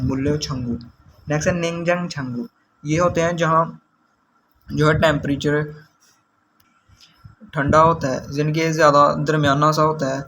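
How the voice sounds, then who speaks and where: Man teaching vocabulary slowly, slightly high voice. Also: fairly bright tone, a little hiss or hum, poor audio. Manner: slow, repeats and glosses each word. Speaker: language teacher. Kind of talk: explaining vocabulary to learners.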